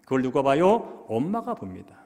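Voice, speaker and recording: Male pastor, mid-pitched, emotive sermon delivery, long reverb of a church sanctuary. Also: wildly swooping pitch, moderate pace. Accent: Korean. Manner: emotive, swings from hushed to loud.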